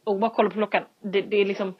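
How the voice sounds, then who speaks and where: A young woman in casual podcast chat, telling a story with lively acted-out quotes and casual swearing. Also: medium pitch, breathy edge. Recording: dull lo-fi sound.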